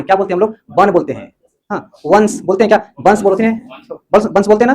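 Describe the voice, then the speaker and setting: High-voiced man teaching a classroom. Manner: explains slowly, keeps checking the class understands. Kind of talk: classroom lecture.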